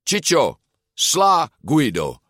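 A man's voice: a little high, wildly swooping pitch, drawn-out words, a bit bright, dry recording, clean studio sound, voice pushed up, exaggerated voice. A man reading a storybook, voicing an arrogant teenage bully who taunts and orders others around, dropping in Italian words. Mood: mocking. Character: boastful bullying teen boy.

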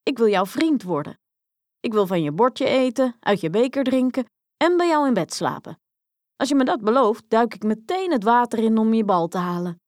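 A woman voicing a small, persistent talking frog who croaks now and then and pleads eagerly, in a storybook reading. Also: a little high, expressive, moderate pace, darkish tone, no room sound, clean studio sound, close to an everyday voice. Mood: pleading.

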